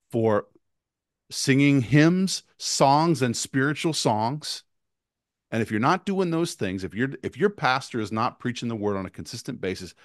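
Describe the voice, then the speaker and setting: A man's voice: medium pitch, no echo. Emphatic man talking doctrine, dry mic. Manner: emphatic, builds lists with rising stress. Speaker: podcast co-host. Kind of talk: casual theological discussion.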